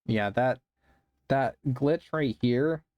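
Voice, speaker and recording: A man giving casual, rambling gameplay commentary, halting and self-deprecating as he explains his build. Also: medium pitch, a little mellow. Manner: rambling and halting, with many restarts. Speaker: Minecraft video creator.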